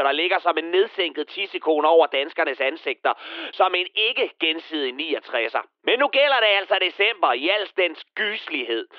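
A bitter middle-aged misanthrope spits out a crude, venomous rant in a high, strained voice. His voice is smooth and carries well. The sound is close and dry, with a slightly dull radio tone. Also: no echo. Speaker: comedy character. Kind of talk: satirical radio monologue.

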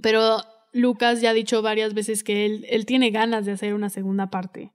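This podcast co-host has a clear, resonant, mid-range voice with a level tone and a normal speed. Discussing films casually, she is earnest and emotive and quotes lines of dialogue with expression.

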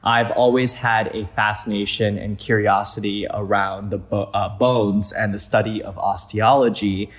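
A man's voice: on the low side, steady tone, moderate pace, hardly any pauses. A young man from Thailand, a museum founder, answering interview questions earnestly with frequent fillers.

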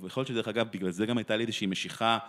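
Fairly low in pitch, with fairly even intonation and a bit of brightness, an Israeli man, a translator and theatre director, muses thoughtfully in an interview, often breaking off to restart sentences and pausing along the way.

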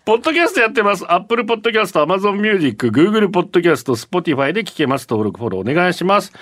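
Radio host: man, quick and playful, teasing, very lively and animated delivery. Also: high voice, no echo, studio quality. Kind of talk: casual radio chat and letter reading.

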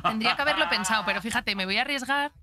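Fast-talking enthusiastic woman. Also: on the high side, over a noisy crowd. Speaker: guest journalist. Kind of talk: casual chat.

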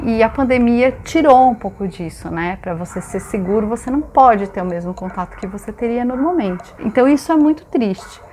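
A woman's voice: medium pitch, darkish tone, a little hiss or hum. A woman with a Brazilian accent giving practical advice in a conversational way.

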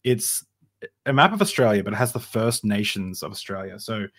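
A man's voice: lowish voice, expressive, fairly quick, fairly bright tone. A young man hosting a casual podcast conversation, chatty and rambling, often repeating words as he thinks. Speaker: podcast host. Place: Australia.

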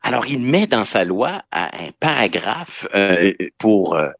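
Speaking slowly with vocal fry, this man has a fairly low but fairly bright voice that swings widely in pitch. He's a Quebec French-accented legal commentator and regular columnist, explaining legal matters point by point in a conversational radio segment, recorded dry.

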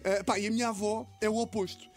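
Portuguese guy doing a radio comedy bit, talks super fast, high voice, faint music under it. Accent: European Portuguese. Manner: rapid, animated storytelling with lots of acted quotes. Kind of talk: comic monologue. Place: radio studio.

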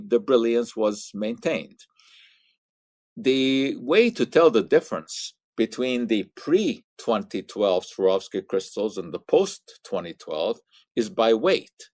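An older man giving an educational science talk in an explaining manner, pausing on "uh" and repeating words. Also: on the low side, no room sound, studio quality. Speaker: science commentator. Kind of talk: educational monologue.

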